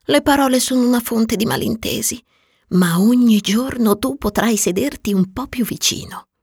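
A woman voicing a gentle, lonely, wistful female fox in a storybook reading, soft and patient, sometimes whispering, on a dry close mic. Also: fairly high pitch, moderate pace, slightly rough, no room sound, voice pushed up.

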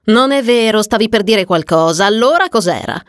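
A woman's voice: medium pitch, lively intonation, normal speed, no room sound, studio quality, voice pushed up, natural voice. A woman voicing a blunt, earthy working woman who scoffs and mocks in an audiobook. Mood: impatient. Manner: brusque and mocking. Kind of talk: audiobook character voice.

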